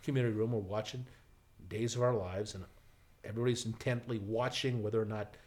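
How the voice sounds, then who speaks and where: A middle-aged man, a television writer, telling a lively anecdote in casual conversation, with frequent restarts and asides. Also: lowish voice, fairly quick.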